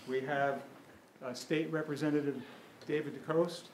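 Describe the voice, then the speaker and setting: An older man moderating a public candidates forum gives opening remarks at a podium mic in a school meeting room, explaining the rules in a relaxed, halting way with many fillers. His voice is a little high, and the roomy hall carries faint room noise.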